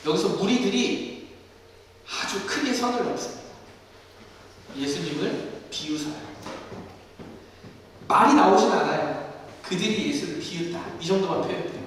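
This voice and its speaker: A male pastor delivers a sermon and acts out the scripture scenes in voices. His voice is high and very lively. The sound reaches the mic from a distance in a long-echoing hall, with faint room noise behind. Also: a little slow, pauses often. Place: basement studio used for church services. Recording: echoey hall from far off.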